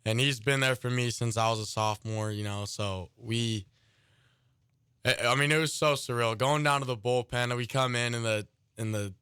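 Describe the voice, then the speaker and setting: Smooth-voiced teenage guy telling a story. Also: medium pitch, moderate pace, pushed and bright, no echo, studio quality. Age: late teens. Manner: rambling, many "like" and "I mean" fillers. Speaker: high school baseball pitcher. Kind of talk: casual storytelling interview. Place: radio studio.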